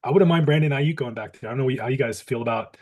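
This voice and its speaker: A man's voice: medium pitch, fast, darkish tone. A man co-hosting a sports podcast, explaining plays and news and clarifying details for listeners. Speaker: podcast co-host. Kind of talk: casual sports chat.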